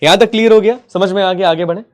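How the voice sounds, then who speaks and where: Guy teacher, kinda high voice, telling history like a story, keeps asking kids if they got it. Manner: keeps checking if students follow, affectionate, addresses them as kids; acts out historical figures' lines in quick asides.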